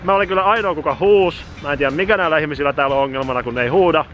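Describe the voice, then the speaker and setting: A man vlogging at an amusement park, joking and shouting on the rides, his voice going hoarse. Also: fairly high pitch, muffled recording, soft background music. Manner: excited, jokey, shouts on rides. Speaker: YouTuber. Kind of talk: amusement park ride vlog. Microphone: action camera.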